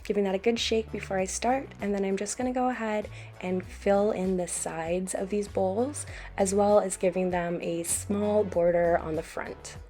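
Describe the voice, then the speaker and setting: An American woman narrating a craft tutorial as a voice-over, explaining each step in a calm, instructional way. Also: mid-range voice, normal speed, faint music behind. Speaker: craft channel host.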